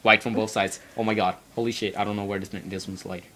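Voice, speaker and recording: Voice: deep voice, steady tone, quick pace, fairly bright tone, a little hiss or hum. A performer improvising a comic voice-over as a foul-mouthed, jumpy, indignant puppy with a man's voice. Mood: combative. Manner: sweary, exasperated, exclaiming.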